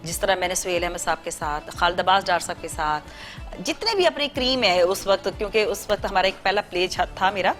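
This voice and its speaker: A woman guest on a festive TV talk show from Pakistan, lively and teasing, laughing a lot as she tells stories. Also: lowish voice, a little fast, music in the background. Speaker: studio guest, singer and actress. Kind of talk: casual chat on a TV show.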